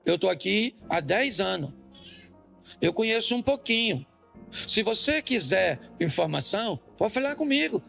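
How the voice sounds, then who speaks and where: A man with a Brazilian Portuguese accent preaching an animated, joking sermon, firing questions at the congregation. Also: sits high, a little slow, vocal fry, soft background music. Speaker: pastor. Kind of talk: lively church sermon with audience call-and-response. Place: church service.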